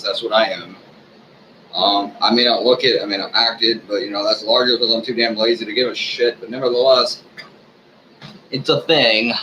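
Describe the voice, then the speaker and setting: A drunk man giving a rambling, off-the-cuff rant to his viewers, swearing often, halting and losing his thread. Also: medium pitch, a bit bright, a little hiss or hum, poor audio. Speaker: online ranter, video host.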